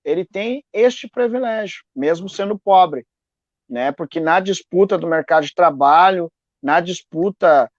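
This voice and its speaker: This activist guest has a high voice and an unhurried, earnest manner, speaking over a video call from home in a neighbourhood. He tends to repeat words and end with "né?", and the lo-fi stream audio is dull but free of echo.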